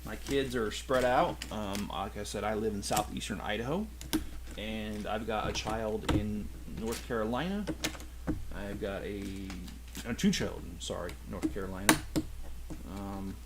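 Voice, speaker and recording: Heavy background noise surrounds this man's lowish voice. He's a middle-aged toy channel host streaming live from a rural home as he builds, chatting loosely with viewers, wandering off topic and correcting himself along the way.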